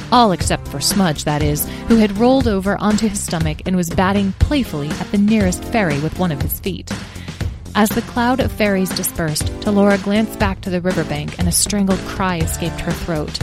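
A woman narrating a children's fantasy storybook with expressive, lively emphasis. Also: medium pitch.

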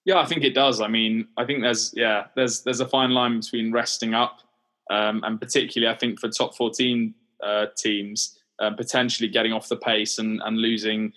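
A man's voice: lowish voice, level tone, normal speed, bright, forceful tone. A man co-hosting a podcast, talking thoughtfully and repeating words as he thinks. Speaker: podcast co-host. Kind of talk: casual sports chat.

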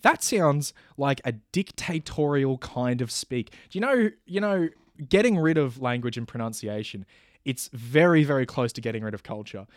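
A man's voice: medium pitch, expressive, dry recording, studio quality. A man making sardonic arguments in a mock debate. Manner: sardonic, quick comebacks.

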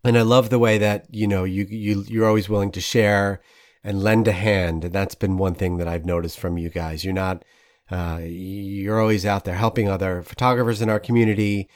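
A man's voice: lowish voice, flat delivery, normal speed. A man hosting an interview podcast, enthusiastic and rambling, laughing often with his guest. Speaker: podcast host. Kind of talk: casual interview chat.

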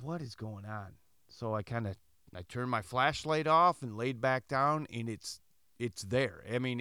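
In clean studio sound without echo, a middle-aged Michigan podcast host narrates a story as a casual monologue. His mid-range voice has a clean tone, and he animatedly acts out each line of dialogue in quoted voices.

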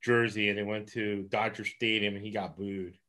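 A man's voice: lowish voice, little pitch movement, moderate pace, bright, forceful tone. A man from Los Angeles giving casual sports betting picks, rambling and laughing often.

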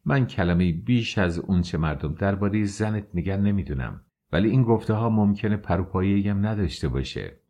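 A man voicing a bold, sharp-tongued young courtesan in an audiobook, speaking in a taunting way. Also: low voice, animated. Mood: consoling.

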